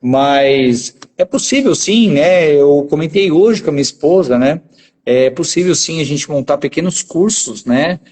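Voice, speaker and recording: A man's voice: on the high side, lively intonation, unhurried, darkish tone. A man speaking as a guest dentist in a casual conversation, explaining steadily and ending many phrases with a tag question.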